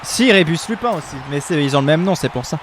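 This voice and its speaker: A man's voice: fairly high pitch, expressive, fast talker, background noise. A young man co-hosting a live stream, giving playful commentary and teasing his partner. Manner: jokey, teasing, laughs often.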